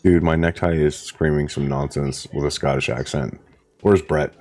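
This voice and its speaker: A man casually commenting while streaming a video game, chatty and excited. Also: rumbling low, normal speed, faint music behind.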